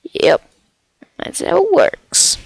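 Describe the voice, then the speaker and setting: A woman's voice: slow, dry recording. A woman talking to herself in casual gameplay commentary from her bedroom, often dropping into whispers. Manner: talks to self, drops into whispers. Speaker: gamer. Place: bedroom at home.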